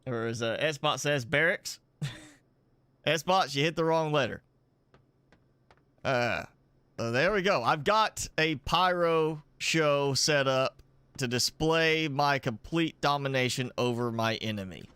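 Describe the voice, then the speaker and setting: A man's voice: a little high, takes it slowly, bright, forceful tone, smooth, dry recording. Chuckly man rambling over gameplay. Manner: rambling and chuckling, thinking aloud. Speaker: gaming channel host. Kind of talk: casual live gameplay commentary. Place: indoors at home with a pet dog.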